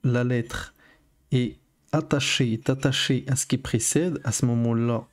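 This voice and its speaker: Slow, patient man teaching a lesson. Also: mid-range voice, steady tone. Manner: slow, patient, repeats sounds for learners. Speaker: Arabic teacher. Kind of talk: video lesson.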